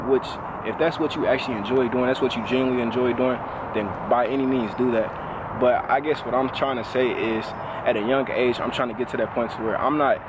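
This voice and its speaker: Young man musing over loud traffic. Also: medium pitch. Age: 20s. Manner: relaxed, conversational, lots of "like" fillers. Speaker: vlogger. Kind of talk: casual reflective monologue.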